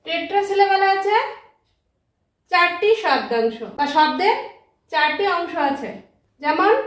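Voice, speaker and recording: High-voiced teacher woman in echoey room. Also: a bit bright. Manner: slow, spells words letter by letter. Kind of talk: grammar lesson. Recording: very echoey room, mic far off.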